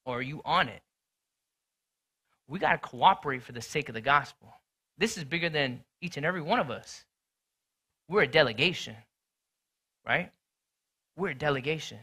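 A man preaching a sermon in a conversational, storytelling way, swinging between loud and hushed delivery. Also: fairly high pitch, lively intonation, normal speed, pauses often, slightly rough. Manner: conversational, storytelling with sports talk. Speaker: pastor.

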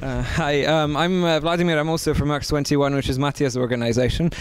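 A man's voice: fairly high pitch, steady tone, a little fast, a little hiss or hum. Earnest young man at a handheld mic. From Serbia. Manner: earnest, hesitant with many fillers and restarts, gesturing. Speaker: audience member speaking at a panel. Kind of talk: impassioned public comment. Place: conference hall.

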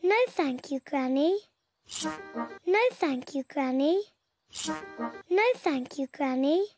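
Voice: high-pitched, takes it slowly. A performer voicing a cheerful, bossy little girl piglet with a British accent in a preschool cartoon. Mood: happy. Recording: loud cartoon music behind.

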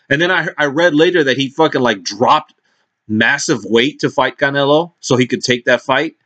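A man's voice: a little high, a bit bright. Brash, foul-mouthed ranting man. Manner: brash, mocking, swears constantly. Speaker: vlogger. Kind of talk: profane casual rant.

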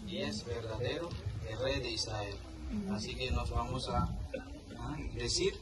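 A male priest addresses a congregation outdoors in halting, simple phrases. His mid-pitched voice comes through echoey amplification from a distance, with heavy noise around it. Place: open grassy field, outdoors.

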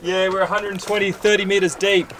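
A young man skippering a sailboat at sea, chatting casually, swearing and excitable, recorded on an action camera outdoors. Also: high-pitched, fairly quick. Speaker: sailing vlogger, skipper. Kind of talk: casual vlog chat. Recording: wind and sea noise. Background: wind and water.

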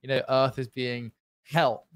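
A man's voice: medium pitch, flat delivery, unhurried, clean tone, no echo. British man riffing in comedy chat. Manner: riffs with put-on silly voices. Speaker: podcast co-host.

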